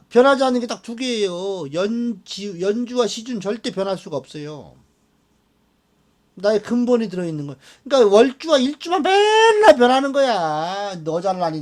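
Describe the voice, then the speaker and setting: A man teaching a class of students, animated and often checking that they follow along. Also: very high-pitched, brisk. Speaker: fortune-telling teacher. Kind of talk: classroom lecture.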